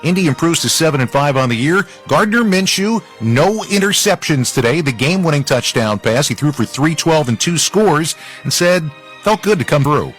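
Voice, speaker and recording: A man's voice: a little high, animated, moderate pace, fairly bright tone, soft background music, poor audio. A man hosting a radio football roundup, narrating scores in a punchy, informal way with conversational asides. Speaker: sports radio highlights host.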